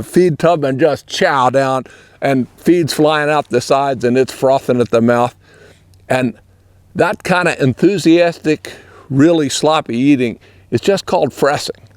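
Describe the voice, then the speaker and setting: A man's voice: fairly high pitch, no echo. An older man giving a folksy, rambling horse-training talk in an easygoing, storytelling way.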